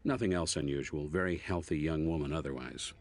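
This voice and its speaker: An actor playing a dry, methodical American medical examiner, instructive and matter-of-fact, in scripted video game dialogue. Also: male voice, extremely low pitch, a little fast.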